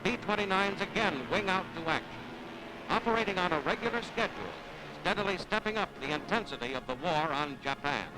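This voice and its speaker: High-pitched and expressive, this American male narrator delivers 1940s wartime newsreel copy slightly fast, in a declamatory, dramatic style. Heavy background noise and a loud music score fill the old newsreel soundtrack.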